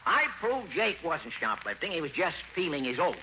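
A man's voice: a little high, very animated, normal speed. A man playing a brash, talkative small-town lawyer with joke-telling patter in 1940s radio comedy. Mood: brash, jokey. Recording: muffled old radio recording, faint noise.

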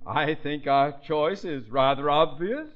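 A man's voice: fairly high pitch, slow pace, very noisy. A man playing an overbearing, irritable company boss in a 1950s radio comedy, pompous, bullying and sarcastic. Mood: pompous, sly. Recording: muffled vintage radio recording.

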